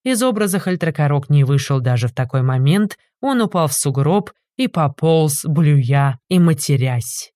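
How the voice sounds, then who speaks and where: Woman reading a story out loud, deep voice, dry close sound, lively and wry. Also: moderate pace, few pauses, no room sound. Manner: lively, mocking. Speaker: narrator. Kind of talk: audiobook narration.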